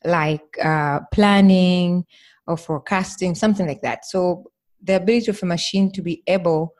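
A woman's voice: fairly low pitch, normal speed, a little mellow. A woman, a guest explaining her work carefully with frequent fillers. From Tanzania. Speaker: guest, startup team member. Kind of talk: interview answers.

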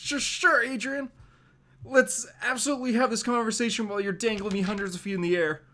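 A man's voice: extremely high pitch, steady tone, fairly quick, bright, forceful tone, a little hiss or hum, voice pushed up. A man playing a young wisecracking superhero under pressure in a comic-book reading, with clipped, urgent delivery and sarcastic quips.

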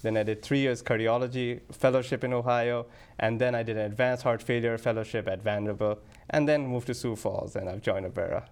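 A man's voice: medium pitch, steady tone, fairly quick, few pauses, darkish tone, clean tone. A man from Bangladesh, a cardiologist guest on a call-in medical show, talking in a matter-of-fact, casual way.

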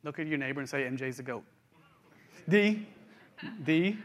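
A man's voice: fairly high pitch, animated, moderate pace, noisy background. A middle-aged man with a West Virginia accent giving a sermon in a conversational, folksy way, speaking straight to his listeners. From West Virginia, United States. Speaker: preacher.

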